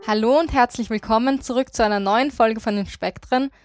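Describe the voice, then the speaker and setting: A woman's voice: a little high, a little fast, loud music behind the voice. A woman of twenty-nine from Austria co-hosting a podcast, moderating in a friendly way and putting questions to the others. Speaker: podcast co-host. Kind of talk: podcast discussion.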